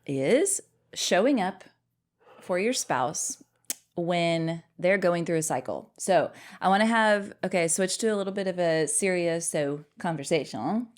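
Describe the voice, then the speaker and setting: A middle-aged woman with a somewhat low voice co-hosting a podcast. She chats casually with her husband, wanders into rambling asides and laughs easily. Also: animated, a little slow. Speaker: podcast co-host.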